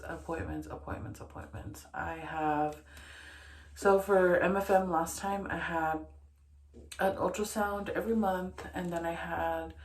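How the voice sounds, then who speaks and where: A young woman talks casually to her camera, a little out of breath and slightly low-pitched. She rambles and restarts her sentences, trailing into fillers. The sound carries a noticeable room echo. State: short of breath. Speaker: vlogger. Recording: echoey room.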